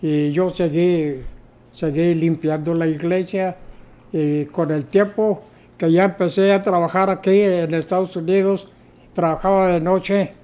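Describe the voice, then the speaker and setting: A man's voice: high-pitched, steady tone, a little slow, mellow, clean tone. Older man telling a hesitant testimony. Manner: storytelling, hesitant with repeated fillers. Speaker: interview guest, former co-pastor. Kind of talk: personal testimony.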